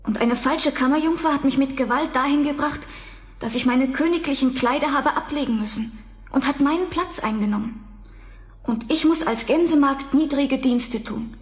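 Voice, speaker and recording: A woman's voice: high-pitched, animated, moderate pace. A woman playing a sorrowful young princess. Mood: plaintive. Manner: plaintive, pleading. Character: young princess turned goose girl, gentle and sorrowful. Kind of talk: fairy-tale radio play.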